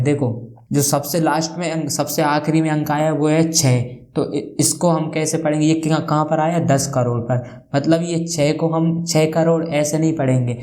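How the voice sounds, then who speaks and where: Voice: mid-range voice, dark tone. A maths teacher explaining a lesson, who keeps asking questions and answering them, and spells out place values one by one.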